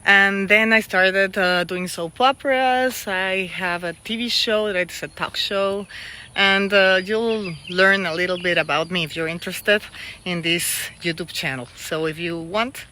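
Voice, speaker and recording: A middle-aged Mexican TV host, whose first language is Spanish, chats openly in English with a Mexican Spanish accent, joking about her own English in a casual vlog. Her voice is fairly low, steady, and sharp in tone, a little slow, with slight background noise.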